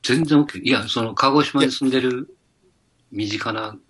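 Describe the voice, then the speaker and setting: A man's voice: medium pitch, normal speed, fairly bright tone. A man co-hosting a casual talk show, easygoing and nudging the conversation along. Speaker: co-host. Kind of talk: casual chat.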